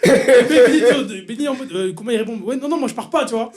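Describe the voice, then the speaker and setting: Fast, high-voiced young storyteller man. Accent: Swiss French. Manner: animated storytelling, laughing through it. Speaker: podcast co-host. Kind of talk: casual chat, telling an anecdote.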